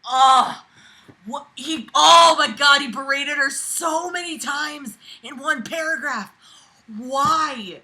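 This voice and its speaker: In a low-quality recording, a woman with a high-pitched voice reads a story slowly for her reaction video. She punctuates it with incredulous, theatrical swearing, animated outbursts and sarcastic asides.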